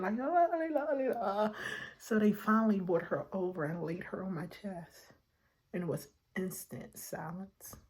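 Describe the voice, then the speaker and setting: A middle-aged woman tells a personal story to her viewers, animated and acting out the voices of people in it. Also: mid-range voice, breathy edge. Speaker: vlogger.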